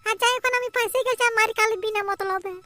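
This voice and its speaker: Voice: extremely high pitch, fairly even intonation, fast talker, sharp tone, no room sound. A performer voicing a naive, frightened village boy with a Purulia Bengali accent who pleads and whines. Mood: protesting. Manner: pleading, whiny.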